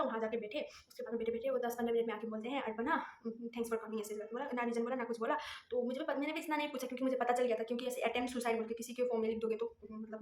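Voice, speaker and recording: Young woman rambling on her vlog, talks quick, a bit high, echoey room. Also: a little hiss or hum. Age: young adult. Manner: rambling, chatty, repeats herself. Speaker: vlogger. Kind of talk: casual storytelling vlog. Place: room at home.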